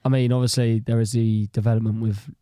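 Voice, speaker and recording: Mellow man, laughing and excitable. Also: on the low side, quick pace, no room sound, studio quality. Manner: excitable, laughs often, acts out reactions. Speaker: podcast co-host. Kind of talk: casual chat.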